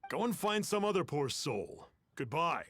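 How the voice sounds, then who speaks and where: A man's voice: on the high side, big pitch swings, unhurried, a bit bright, exaggerated voice. A game actor voicing a wary townsman who turns defensive and curt. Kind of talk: game voice acting.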